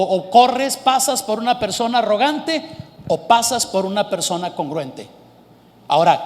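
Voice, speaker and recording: A man preaching a sermon with emphasis, asking the congregation questions and answering them himself. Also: sits high. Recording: long hall reverb.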